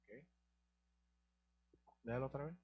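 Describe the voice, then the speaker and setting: A man's voice: mid-range voice, unhurried, a little mellow, husky. A man teaching the Bible on a live show, asking rhetorical questions and repeating key lines. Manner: rhetorical questions and repetition, directs the reader.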